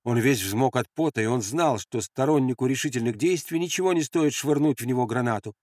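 A man reading a war novel aloud as narrator in a steady storytelling manner. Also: mid-range voice, a little fast, no room sound, studio quality. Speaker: audiobook narrator. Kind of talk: scripted narration.

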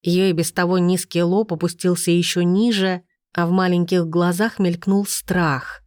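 A woman narrating a first-person novel in an even, expressive reading on a close mic. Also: fairly low pitch, normal speed, dry recording. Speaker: audiobook narrator.

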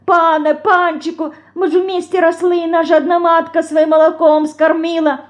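A woman voicing a sharp-tongued young village girl who scolds and chatters in rural dialect. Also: fairly high pitch, expressive, moderate pace, lo-fi sound, close to an everyday voice. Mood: excited chatter.

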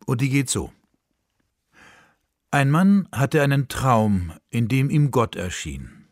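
Expressive male radio storyteller. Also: mid-range voice, slow pace, no room sound, clean studio sound. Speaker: narrator.

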